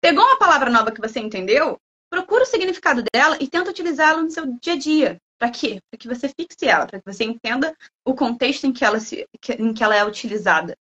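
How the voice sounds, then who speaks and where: A woman from Brazil, a guest speaker who talks in a lively, playful way and acts out imagined students' lines. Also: high voice, fast talker, husky, lo-fi sound. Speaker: guest speaker, language school head. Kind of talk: lively talk in a livestream.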